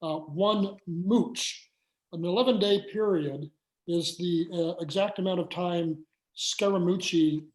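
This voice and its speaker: A man's voice: a little high, a little mellow. A man hosting an online community meeting, talking with many hesitant fillers. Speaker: meeting host. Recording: echoey room.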